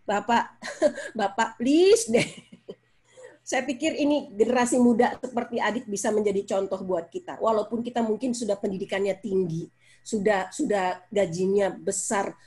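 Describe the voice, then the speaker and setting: A middle-aged woman speaking as a parenting guest on a talk show, expressive and lively, mixing in English phrases. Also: moderate pace. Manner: expressive, acts out scolding parent in high voice, mixes English phrases. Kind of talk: animated talk-show explanation.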